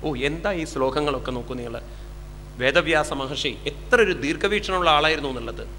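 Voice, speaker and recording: A man giving a spiritual discourse, chanting verses slowly and then explaining them. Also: a little high, sharp tone, slight background noise. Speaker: spiritual speaker.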